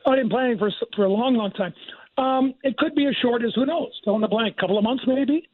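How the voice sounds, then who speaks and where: An older man, a news correspondent, reporting live over the phone in a measured, reflective way. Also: extremely high pitch, husky, no echo. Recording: tinny phone line.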